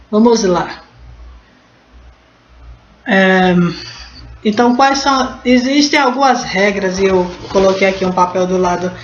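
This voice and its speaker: A Brazilian woman teaching Portuguese in a casual video lesson, talking in a chatty way and stopping to explain and fix words as she goes. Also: medium pitch. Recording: roomy, dull and slightly noisy.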